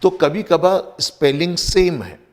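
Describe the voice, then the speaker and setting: A man's voice: a little high, expressive, unhurried. A man with an Indian accent teaching English vocabulary in Hindi, spelling words letter by letter and mixing in English terms. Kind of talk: recorded vocabulary lesson.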